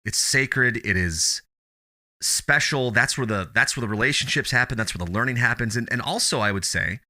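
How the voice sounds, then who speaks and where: A man's voice: mid-range voice, animated, moderate pace, sharp tone. A man speaking as an interview guest, reflective and earnest, repeating phrases for emphasis in a conversational way. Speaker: podcast guest, teacher and radio show host.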